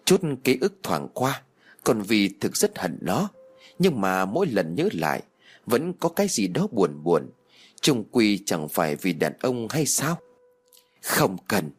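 A man narrating an audio story in an expressive storytelling manner. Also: on the low side, unhurried, slightly rough, soft background music.

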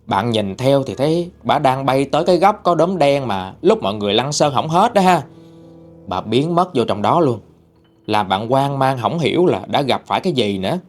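Man narrating a ghost story, lively voice. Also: medium pitch, normal speed, faint music behind. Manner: casual, conversational telling.

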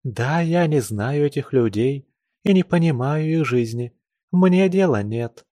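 A man reading a classic novel aloud, voicing a calm, composed young noblewoman with mild, lightly ironic speech. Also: on the high side, unhurried, no room sound, clean studio sound.

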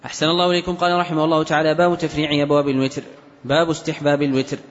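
A man reading hadith text aloud to his teacher, running through the chains of narrators in a brisk, unbroken recitation. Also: a little high, level tone. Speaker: student reader. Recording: dull recording with long hall reverb.

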